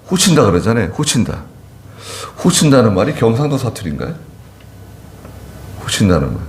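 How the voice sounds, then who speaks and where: A male pastor giving an expository sermon, reading scripture and then explaining it slowly, asking the congregation questions. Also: mid-range voice, big pitch swings, a little hiss or hum. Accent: Gyeongsang-Chungcheong border dialect roots. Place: church sanctuary. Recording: roomy church echo.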